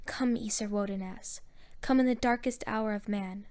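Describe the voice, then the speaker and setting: A woman's voice: medium pitch, fairly even intonation, normal speed, darkish tone, natural voice. A woman voicing a defiant young village woman who speaks with eager feeling. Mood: pleading.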